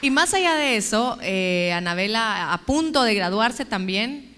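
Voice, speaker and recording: A woman's voice: fairly high pitch, expressive, measured pace, bright, forceful tone, some chatter behind, a little hiss or hum. A woman hosting an interview, speaking to her audience and guiding her guest with questions. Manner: addresses the audience, leads questions. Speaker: host. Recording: echoey hall.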